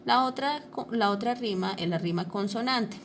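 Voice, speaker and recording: Speaking at a normal speed in a fairly high voice, a woman teacher walks through a lesson over slides, with slight noise in the background. She is patient and repetitive, often checking that her listeners follow by asking "¿listo?" and "¿cierto?"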